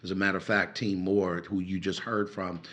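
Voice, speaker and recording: Deep-voiced Southern man co-hosting. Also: little pitch movement, brisk, fairly bright tone. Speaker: podcast co-host, relationship coach. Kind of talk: casual podcast chat.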